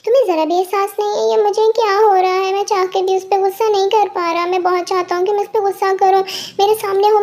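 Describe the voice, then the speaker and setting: A brooding, lovesick young man in a storybook, muttering angrily to himself, read out by a woman. The voice stays high and the lines come quickly. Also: a little mellow.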